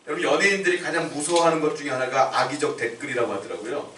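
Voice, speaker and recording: Korean pastor preaching in an echoey church. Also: male voice, fairly high pitch, racing, bright, forceful tone, a little hiss or hum. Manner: conversational preaching, asks the congregation questions and answers them himself. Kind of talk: sermon. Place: church sanctuary. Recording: echoey church room, mic at a distance.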